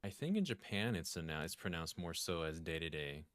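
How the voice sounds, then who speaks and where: A man's voice: low-pitched, big pitch swings, a little fast, fairly bright tone. A man chatting as a guest on a podcast quiz, easygoing and chuckling. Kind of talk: casual podcast chat.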